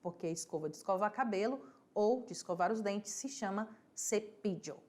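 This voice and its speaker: A woman teacher with a Brazilian Portuguese accent, giving a recorded vocabulary lesson and repeating each word slowly and clearly for her pupils. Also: mid-range voice, a little mellow. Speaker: Spanish teacher.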